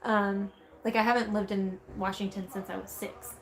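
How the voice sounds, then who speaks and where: A woman's voice: medium pitch, level tone, normal speed. A woman who grew up in Texas, speaking with a Texan accent, chatting casually on a live stream and reading viewer comments aloud with frequent "um"s. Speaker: vlogger reading live chat.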